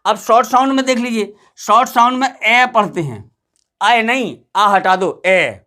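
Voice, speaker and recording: A high-pitched man gives an English pronunciation lesson. He explains step by step, asks questions and answers them himself, and spells letters out slowly for his students. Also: pushed and bright. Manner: addresses students as "beta". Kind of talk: classroom lesson.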